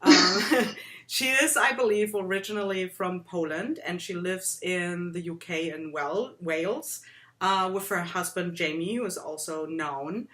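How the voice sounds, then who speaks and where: A woman's voice: on the low side, measured pace, sharp tone. A woman hosting a casual interview, bubbly and giggly, with lots of ums and likes. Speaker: interview host.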